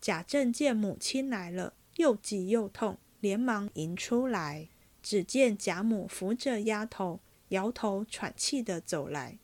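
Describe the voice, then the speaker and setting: A woman reading a classic novel aloud as a podcast host, in steady, measured storytelling. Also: medium pitch.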